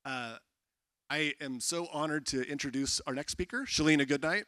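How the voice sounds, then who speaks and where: A man's voice: on the high side, normal speed, sharp tone, no room sound. A man serving as emcee on a conference stage, introducing the speakers earnestly with frequent uhs. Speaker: event emcee.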